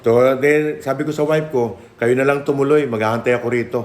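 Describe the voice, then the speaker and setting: A middle-aged man preaching his own testimony in a sermon. He mixes Filipino with English and slips into the voices of the people in his story. His pitch sits in the middle range for a man. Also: steady tone, fairly quick, darkish tone.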